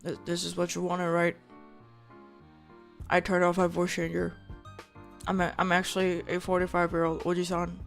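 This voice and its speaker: Woman faking a deep pitched-down middle-aged man. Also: monotone, moderate pace, gravelly, pauses often, faint music behind. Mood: mock deadpan. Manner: playful, teasing. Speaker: live streamer. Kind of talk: casual chat with viewers.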